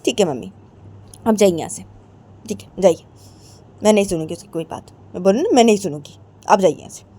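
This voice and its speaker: A woman voicing an angry, defiant young wife who fires back indignant questions in a shrill voice. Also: expressive, a little fast, warm tone, husky. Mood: dismissive. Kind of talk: amateur storytelling with acted voices.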